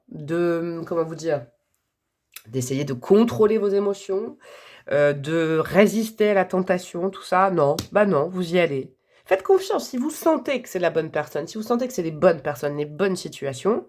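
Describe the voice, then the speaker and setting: A woman's voice: fairly low pitch, darkish tone. A woman giving a casual tarot reading to camera, chatty and enthusiastic, thinking aloud with many fillers. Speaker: tarot reader.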